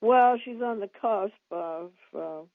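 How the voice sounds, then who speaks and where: A woman's voice: medium pitch, slow, dry recording. A woman consultant giving matter-of-fact product advice on a radio show. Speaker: nutrition consultant. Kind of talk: on-air advice. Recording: tinny phone line.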